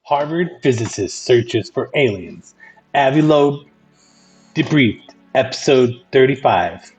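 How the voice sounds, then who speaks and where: A man's voice: medium pitch, expressive, slow, darkish tone, soft background music. A man hosting a podcast, giving casual rambling commentary full of "like" fillers. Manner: rambling, conversational, with frequent "like" fillers. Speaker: podcast host.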